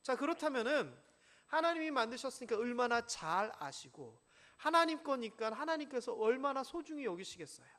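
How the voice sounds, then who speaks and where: A man's voice: extremely high pitch, moderate pace. A male pastor preaching a sermon in a church, questioning the congregation and acting out stories. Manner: animated, asks the congregation questions, acts out stories. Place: church sanctuary.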